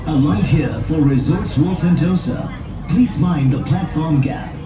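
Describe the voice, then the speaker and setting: A recorded train announcer speaking in a formal, measured, polite way, played over a loudspeaker inside a monorail carriage. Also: medium pitch, heavy background noise. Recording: echoey, distant PA with loud music and crowd. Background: loud music and crowd chatter.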